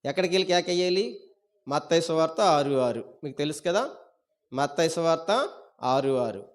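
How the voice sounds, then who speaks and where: A male pastor with a Telugu accent preaching a sermon, asking the congregation questions and repeating key phrases. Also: fairly quick. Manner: rises loud on key words, then drops low at line ends.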